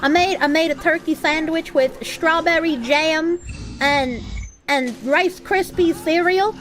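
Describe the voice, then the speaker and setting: Cute high-pitched anime streamer woman. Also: a little slow, a bit bright. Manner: cute anime-streamer delivery, bubbly and playful. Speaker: livestreamer playing a video game. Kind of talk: casual chatty game livestream commentary. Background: game music.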